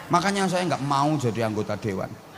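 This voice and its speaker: A man's voice: mid-range voice, big pitch swings, fairly quick, big-room sound, crowd noise, background noise. A man with a Javanese accent preaching a humorous sermon, blunt and joking, speaking outspokenly to a gathering. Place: outdoor religious gathering.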